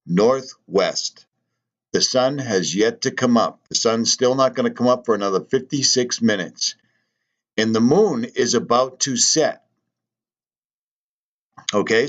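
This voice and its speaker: A man's voice: medium pitch, measured pace, long pauses, highs cut off. A man, talking casually in a vlog and pressing rhetorical questions. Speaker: channel host.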